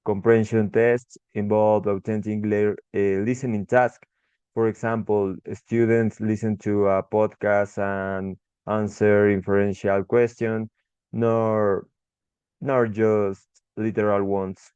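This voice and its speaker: A young man who tutors English, with an Ecuadorian Spanish accent, gives a class presentation slowly, restarting words and filling gaps with "uh." His low voice is flat and smooth. The recording is dry and slightly muffled.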